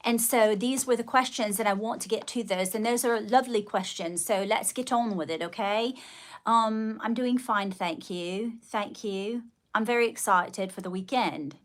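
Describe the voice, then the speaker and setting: A woman's voice: medium pitch, normal speed. A middle-aged woman hosting a casual livestream, chatting with viewers in an effusive, endearing way. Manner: effusive greetings and terms of endearment. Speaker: livestream host.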